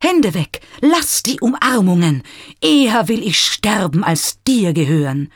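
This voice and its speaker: A man voicing a proud, scornful young male hunter from an ancient myth, calling out loudly in a raised voice. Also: big pitch swings, measured pace, breathy edge, no echo, exaggerated voice. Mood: repelling. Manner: calling out loudly, high and strained.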